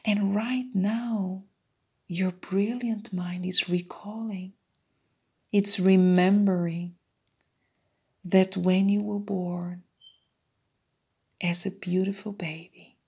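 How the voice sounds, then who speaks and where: A woman guiding a hypnosis meditation in a soft unvoiced whisper, repeating soothing suggestions. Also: mid-range voice, steady tone, takes it slowly, creaky, long pauses, slightly rough. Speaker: meditation guide.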